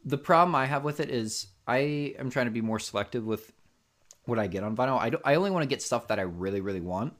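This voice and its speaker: A podcast host chats casually over a voice call, rambling with lots of restarts and fillers. He speaks fast and animatedly in a mid-range voice.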